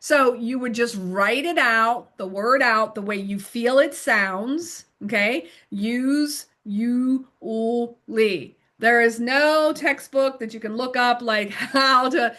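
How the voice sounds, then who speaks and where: A middle-aged woman running a recorded training lesson for volunteer literacy tutors, encouraging and animated, acting out how learners react. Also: a little high, takes it slowly, hardly any pauses.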